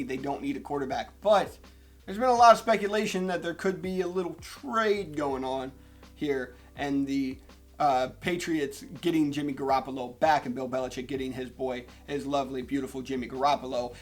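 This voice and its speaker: A young man hosting a casual sports vlog, joking and animated, swearing now and then. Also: fairly high pitch. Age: young adult. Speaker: sports vlogger.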